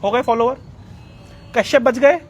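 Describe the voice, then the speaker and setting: A man giving a devotional talk, retelling scripture as a lively story and slipping English words into his speech. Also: very high voice, unhurried, husky. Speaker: religious speaker.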